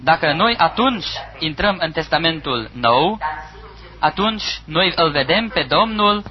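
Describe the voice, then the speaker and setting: A man preaching a sermon, reading scripture aloud with emphatic pauses. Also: a little high, lively intonation. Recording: dull lo-fi recording with audience.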